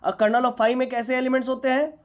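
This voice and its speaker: Her voice sits high and stays level as she talks briskly. Lecturing a university maths class, she remains patient and keeps asking if the students understand.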